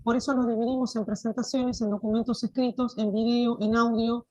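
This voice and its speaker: A woman's voice: a little high, flat delivery, a little fast, dark tone, dry recording, rough recording. A woman giving an online teacher-training lecture, often asking "¿sí?" to check that her listeners follow. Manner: explanatory, frequent checking "¿sí?". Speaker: course instructor.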